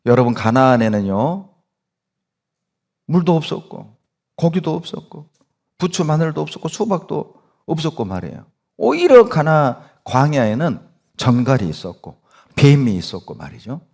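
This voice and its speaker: A man's voice: a little high, sing-song, moderate pace, vocal fry, long pauses, darkish tone. A male pastor preaching a sermon with emphatic delivery and many rhetorical questions.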